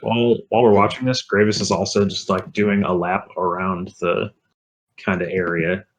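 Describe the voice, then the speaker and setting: A man's voice: low voice, flat delivery, normal speed. A man playing a tabletop game in character, easygoing and offhand. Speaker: player.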